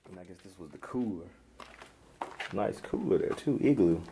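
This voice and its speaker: A man's voice: deep voice, expressive, moderate pace, creaky, reverberant, background noise. A man, laid-back and streetwise, swearing casually as he narrates a walk-through of an abandoned police station on a handheld camera. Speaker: urban explorer.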